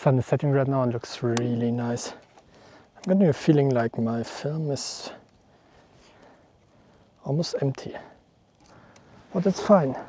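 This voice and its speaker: Out of breath on a mountain trail, a photography vlogger films himself with a small action camera, chatting casually and thinking aloud with little laughs. His mid-range voice is dark in tone, at a measured pace with frequent pauses, and there's a little hiss or hum.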